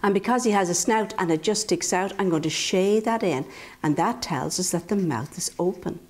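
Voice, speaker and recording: A woman's voice: fairly low pitch, normal speed, a little mellow. A woman presenting a step-by-step drawing tutorial for children, talking to them directly in a playful, encouraging way. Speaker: children's drawing instructor and host.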